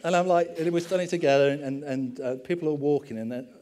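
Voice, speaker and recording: A man's voice: fairly high pitch, fairly even intonation, quick pace, background noise. A middle-aged man, a pastor giving a conversational sermon with personal stories and self-deprecating asides.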